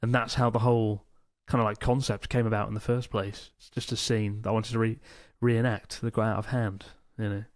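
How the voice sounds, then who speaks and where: A man co-hosting a podcast, his fairly low voice a little fast, tells lively stories in a casual chat and swears freely. He's in pain from a strained arm muscle. The studio-quality recording has no room sound.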